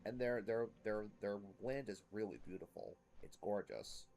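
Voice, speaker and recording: A man with a fairly low voice hosts a gameplay series. He talks casually and explains things step by step as he speaks directly to his viewers. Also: very animated, moderate pace, a little mellow. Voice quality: rough smoker's-type cough.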